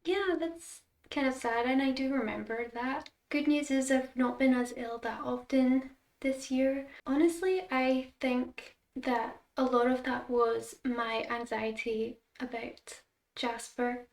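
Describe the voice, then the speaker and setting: Casting: Scottish woman vlogger, twenties, fairly high voice, apologetic confiding chat, recorded in a roomy space a little off the mic. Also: steady tone, slow, a little mellow. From Scotland. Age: 20s. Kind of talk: casual chat to viewers. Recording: roomy, slightly distant mic.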